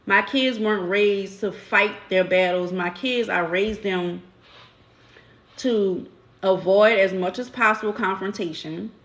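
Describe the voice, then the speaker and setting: A woman with a New Orleans accent hosts a casual live-stream chat. She talks in a candid, storytelling way with everyday slang. Her voice sits at a middle pitch. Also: measured pace, a bit bright, roomy sound, dull audio. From New Orleans, USA. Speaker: channel host.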